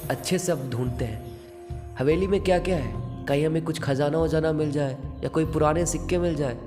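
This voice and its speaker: Man voicing a soft-spoken, eager young man. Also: fairly high pitch, moderate pace, close to an everyday voice. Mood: persuading. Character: eager young man hoping to find treasure. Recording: long reverb with background music.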